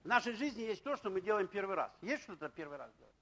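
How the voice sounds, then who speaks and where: A middle-aged man, a pastor, preaching in a loose conversational way, telling personal stories and checking in with the congregation with quick questions. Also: high-pitched, very animated, fairly bright tone, rough recording. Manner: anecdotal, keeps asking the congregation "right?". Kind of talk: conversational sermon.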